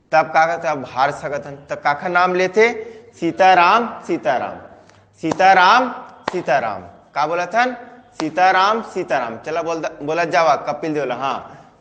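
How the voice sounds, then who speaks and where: A man's voice: fairly high pitch, fairly bright tone, long reverb tail. Chhattisgarhi man chanting in a lesson. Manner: call-and-response questions, chanting repeated words. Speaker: teacher. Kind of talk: online class mnemonic lesson.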